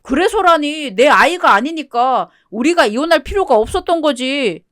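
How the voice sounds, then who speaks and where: A woman's voice: high-pitched, expressive, moderate pace, fairly bright tone. A woman doing a whiny, begging ex-husband. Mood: insistent. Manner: pleading, clingy, self-pitying. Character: whiny cheating ex-husband, middle-aged man, desperate. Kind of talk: one-voice radio drama reading.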